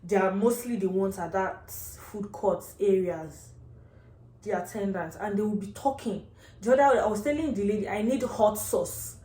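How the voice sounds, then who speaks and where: Nigerian lady ranting to her vlog viewers, super emphatic and fed up, mid pitch, echoey sound. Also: normal speed, mellow. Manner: exasperated, emphatic, repeats phrases for effect. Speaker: vlogger. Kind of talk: casual storytelling rant. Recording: echoey, reverberant room sound.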